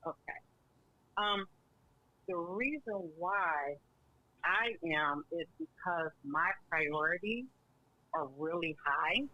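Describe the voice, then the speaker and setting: A woman's voice: on the low side, expressive, takes it slowly, long pauses, sharp tone, no echo, lo-fi sound. A middle-aged woman calling in to a talk show over the phone, speaking bluntly and outspokenly about her complaints. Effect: heard over the phone. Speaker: caller. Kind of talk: call-in radio talk.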